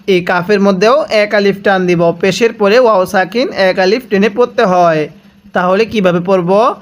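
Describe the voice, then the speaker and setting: A man teaching Quran reading, drawing out each recited word slowly and repeating it for learners to follow, with brisk explanations in between. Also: sits high. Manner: drawn-out chanted recitation between quick explanations. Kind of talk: slow spelled-out recitation lesson.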